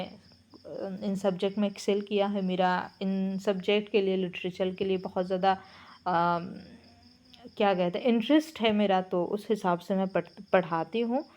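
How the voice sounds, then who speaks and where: A woman's voice: mid-range voice, darkish tone. A woman with a Bengali accent, explaining textbook answers as a Hindi teacher, with a patient manner and frequent hesitations.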